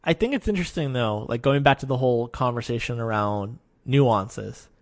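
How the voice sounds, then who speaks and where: A man's voice: mid-range voice, moderate pace. A man hosting a podcast, chatting casually and animatedly, swearing freely and acting out people he quotes. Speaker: podcast host.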